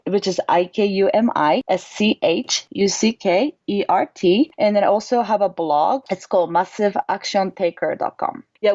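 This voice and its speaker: Speaking with a Japanese accent, this thirty-something mindset coach is a guest being interviewed, and she replies in an earnest, thoughtful way using plain phrasing. Her voice sits at a medium pitch with a darkish tone, captured in a dry, somewhat dull recording.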